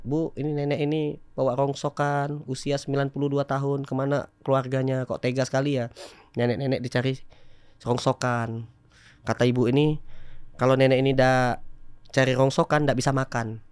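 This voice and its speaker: A mid-pitched man tells his life story as a podcast guest. He talks candidly and grows loud and emphatic in bursts. The studio sound is close and dry. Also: smooth, dry recording.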